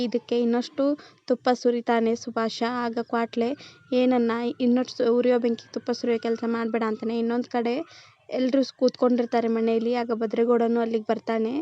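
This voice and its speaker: A woman's voice: a little high, darkish tone. A woman retelling a TV serial episode, reading the characters' lines in quotes without acting them. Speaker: serial recap narrator. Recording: dull lo-fi recording.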